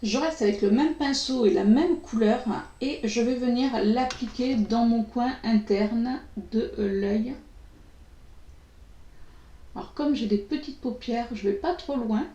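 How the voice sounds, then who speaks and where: A woman walks through a makeup tutorial at an unhurried pace, pausing often and filling gaps with hesitations. Her voice sits a little high. The recording carries a noticeable echo from the room. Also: dark tone. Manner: slow, hesitant, many pauses and fillers. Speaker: beauty vlogger. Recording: echoey room.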